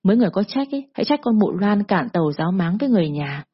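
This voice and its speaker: A woman's voice: mid-range voice, big pitch swings, very fast, breathy edge. Báo Gấm, a woman doing a sneering gangster. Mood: menacing. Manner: sneering, bullying drawl. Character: swaggering male gangster loan shark, lewd and cocky. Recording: dull lo-fi recording.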